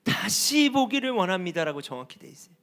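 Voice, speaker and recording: High-voiced male pastor preaching. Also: sing-song, fairly quick. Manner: rhetorical questions, rising to shouts at climaxes. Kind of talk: sermon.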